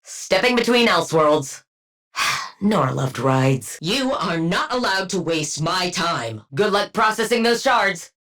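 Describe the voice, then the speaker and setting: In video game combat barks, a woman voices a sardonic scientist supervillain, her voice on the low side, animated, unhurried and a bit bright. She sounds smug and deadpan, speaking with crisp diction in a clinical, condescending, dryly witty way.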